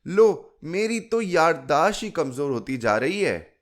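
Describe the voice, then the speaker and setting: A man voicing a fond fifty-year-old woman who coaxes a child with a story in a gentle, lilting way. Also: fairly high pitch, big pitch swings, measured pace, pitched above the performer's own voice. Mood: coaxing. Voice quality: coaxing, storytelling lilt.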